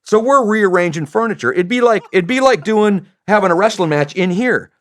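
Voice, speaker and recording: A middle-aged man, a former special operations soldier, telling a story as a podcast guest in a lively, animated way, with many restarts and acted-out voices. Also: high-pitched, moderate pace, no echo, studio quality.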